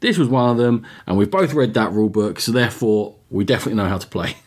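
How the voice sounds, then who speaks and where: A man's voice: fairly low pitch, fast, slightly rough. A man co-hosting a casual board game podcast, setting out game details in long running sentences. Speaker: podcast co-host.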